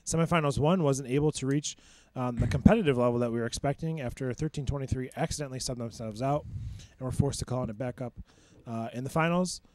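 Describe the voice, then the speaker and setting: A man's voice: medium pitch, darkish tone, dry recording. Young male co-host reading results. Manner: reads results with fillers, quick reactions. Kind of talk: podcast rankings recap.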